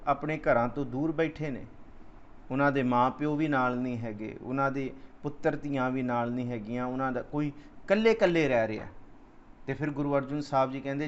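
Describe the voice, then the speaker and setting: A man giving a Sikh scripture discourse, slowly chanting verses and then explaining them in plain speech. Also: medium pitch. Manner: slow sung recitation of verses between plain explanation. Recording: slightly dull lo-fi sound.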